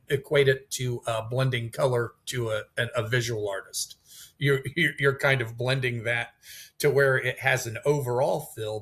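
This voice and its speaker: A man hosting a relaxed poetry discussion, his mid-range voice carrying a gravelly edge. He talks in an encouraging, thoughtful way and often restarts his sentences. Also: mid-range voice. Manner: warm, encouraging critique with frequent restarts. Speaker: podcast host.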